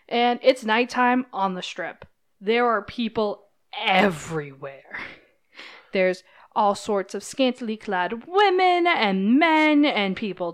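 A woman's voice: fairly high pitch, smooth. Giggly woman running a tabletop game. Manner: casual, giggly. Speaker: game master.

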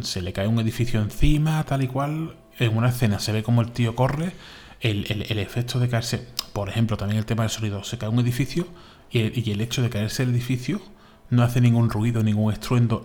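A man from Spain with a Spain Spanish accent, co-hosting a podcast in casual, animated chat, full of fillers and repeats. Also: lowish voice, a little fast. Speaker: podcast co-host.

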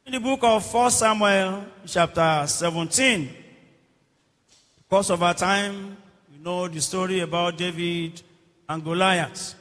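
A man preaching a sermon, shouting repeated declarations and prompting the congregation to answer back. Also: high-pitched, a little slow. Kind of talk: sermon with shouted prayer and scripture reading. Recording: long hall reverb.

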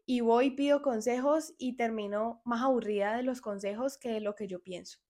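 A woman's voice: on the high side, moderate pace, warm tone. A woman in her twenties hosting a solo podcast, talking frankly and earnestly as she gives listeners advice. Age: 20s. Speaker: podcast host.

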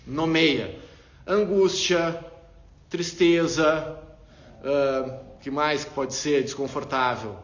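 A man explaining ideas in a casual, animated way, acting out little inner dialogues as he talks. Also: fairly high pitch, slow. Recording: roomy, dull lo-fi sound.

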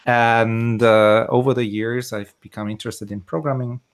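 A man's voice: mid-range voice, little pitch movement, moderate pace, clean tone. A man, a podcast guest talking casually with many fillers and dry humor over a video call. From Austria.

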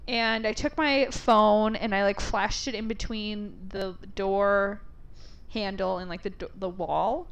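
A young woman telling a story in casual chat, animated, laughing often and swearing freely. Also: mid-range voice, takes it slowly, smooth.

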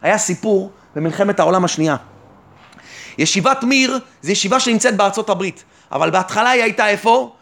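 High-voiced man preaching with fervor. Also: gravelly, a bit bright. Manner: keeps asking rhetorical questions and answering them himself; fervent, exhorting the listener directly. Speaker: rabbi. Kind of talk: sermon on faith and trust.

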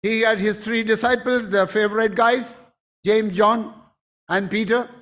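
High-pitched, slow-preaching pastor. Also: male voice, steady tone, fairly bright tone. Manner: emphatic preaching, breaks into exclamations. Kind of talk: sermon.

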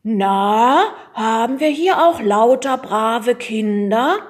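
A woman voicing a schoolboy who fakes a deep, gruff school inspector's voice, speaking slowly and pompously. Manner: slow, put-on pompous.

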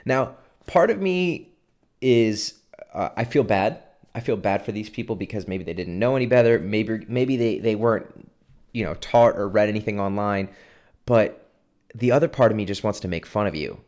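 A man's voice: lowish voice, expressive, moderate pace, darkish tone. A young man co-hosting a podcast, telling rambling anecdotes with restarts and a mocking edge. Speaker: podcast co-host. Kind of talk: casual storytelling chat.

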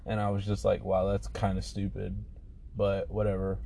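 Laid-back young man, low voice. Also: monotone, moderate pace, creaky, warm tone, a little hiss or hum. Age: young adult. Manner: laid-back, says "yeah, man" a lot. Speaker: friend in conversation. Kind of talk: casual chat.

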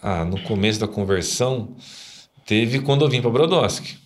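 A man with a fairly low voice recounts his life story as a podcast guest. His telling rambles, with little tag questions dropped into nearly every sentence. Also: lively intonation, moderate pace, a little mellow, slight background noise. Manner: rambling, frequent "né?" tags, emotional storytelling. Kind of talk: conversational testimony.

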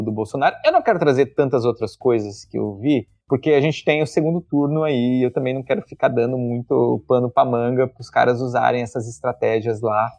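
Husky emphatic man analyzing communication. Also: mid-range voice, dry recording. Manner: emphatic, animated, blunt with casual swearing. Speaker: communication and voice teacher, interviewee. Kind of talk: conversational interview, analytical.

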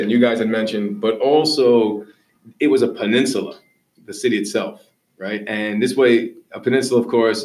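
Lowish male teacher explaining, slightly distant. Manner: explanatory, checks understanding with "right?". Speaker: history teacher and show host. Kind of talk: conversational classroom lecture.

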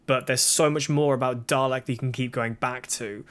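A man's voice: medium pitch, fairly even intonation, normal speed, clean tone. A man co-hosting a podcast, chatting casually and enthusiastically while reviewing TV episodes. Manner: enthusiastic, talks over his co-host. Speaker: podcast co-host.

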